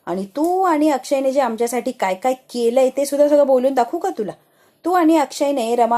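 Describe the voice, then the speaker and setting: A woman's voice: fairly high pitch, warm tone, lightly acted. A woman doing a remorseful, earnest elder woman. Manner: earnest, insistent. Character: remorseful middle-aged woman, emotional elder relative.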